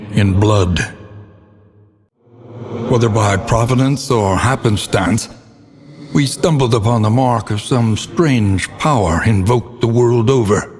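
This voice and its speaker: A man with a fairly low voice acts as the grim, learned older narrator of a gothic video game, delivering lines in an ominous, solemn, theatrical style. The recording carries a long reverb and some faint background noise.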